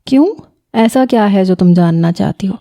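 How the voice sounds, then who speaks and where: A woman's voice: mid-range voice, dark tone, close to an everyday voice. A woman reading the part of an inquisitive young female student friend in an audiobook. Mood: curious.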